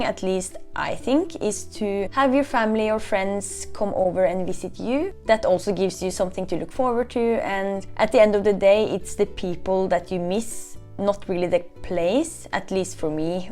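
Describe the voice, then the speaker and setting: A woman's voice: mid-range voice, warm tone. A young woman from Norway talking reflectively in a casual vlog, often saying "you know". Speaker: vlogger.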